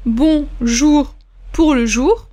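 A woman's voice: high-pitched, very slow, warm tone. A woman hosting a podcast lesson, explaining greetings step by step, repeating example words and checking in with learners. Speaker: French teacher and podcast host. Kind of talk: casual spoken lesson for learners.

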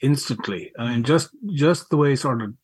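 A middle-aged man, reminiscing casually in a halting, wry way and repeating words as he goes. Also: medium pitch, husky, dry recording. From County Mayo, Ireland. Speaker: podcast guest, school alumnus.

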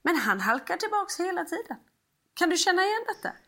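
A woman co-hosting a casual chat over a video call, telling lively stories and quoting others. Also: very high voice. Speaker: podcast co-host, mother.

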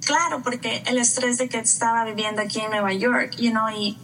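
A woman speaks as a podcast guest in a bright, fairly high voice. She is effusive and mixes in English words. She sits a little back from the microphone. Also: steady tone, a little fast, far from the mic, a little hiss or hum, low-quality recording. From Costa Rica. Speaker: guest, yoga teacher. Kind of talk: casual chat.

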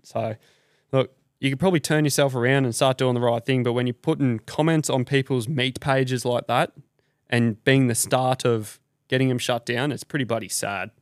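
A man's voice: medium pitch, fairly even intonation, normal speed, no echo, clean studio sound. An Australian man hosting a podcast, ranting casually with blunt, sweary slang. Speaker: podcast host.

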